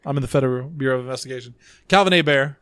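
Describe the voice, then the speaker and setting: Speaking in a mid-range, slightly bright voice at a rapid-fire clip, this podcast host rambles and cracks self-deprecating jokes while losing his voice. It's a casual group show around a table in a small room, captured with clean studio sound and no room echo.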